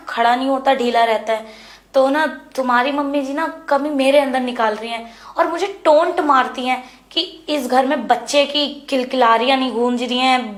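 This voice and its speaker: A woman playing a frustrated young married woman who pleads with her brother-in-law, insistent and hushed. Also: high voice, natural voice. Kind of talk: Hindi web series dialogue. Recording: echoey room.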